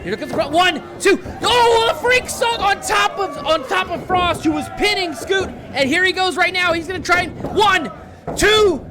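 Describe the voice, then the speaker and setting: A man doing excited play-by-play wrestling commentary in an emphatic, dramatic way, often shouting. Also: very high voice, moderate pace. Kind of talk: excited live wrestling commentary, calling moves and counts. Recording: loud crowd and music behind. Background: crowd noise and music.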